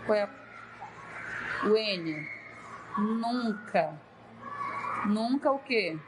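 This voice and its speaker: A woman's voice: mid-range voice, animated, takes it slowly, roomy sound, very noisy. Patient woman teacher sounding out syllables. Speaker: literacy teacher. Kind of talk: one-on-one reading tutoring.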